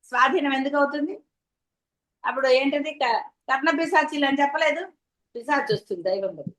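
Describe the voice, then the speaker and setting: A woman with a Telugu accent teaches in a high, clear voice. She gives a devotional discourse and keeps turning to her listeners with rhetorical questions. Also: brisk, fairly bright tone, poor audio. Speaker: spiritual teacher.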